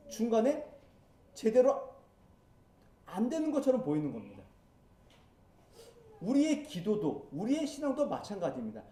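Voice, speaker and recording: A man's voice: sits high, mellow, echoey room, distant mic. A man pastor preaching a sermon in a conversational way, asking his listeners rhetorical questions. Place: church sanctuary.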